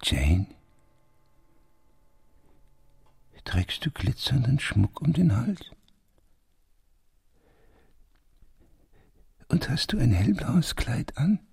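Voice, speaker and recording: Husky, brooding Edward Rochester. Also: male voice, medium pitch, very animated, measured pace, darkish tone, exaggerated voice. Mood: tender wonder. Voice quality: husky, breathy. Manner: gruff, probing, mocking, swinging from murmur to outburst. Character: Edward Rochester, brooding, jealous, sardonic older husband. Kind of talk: literary radio drama dialogue.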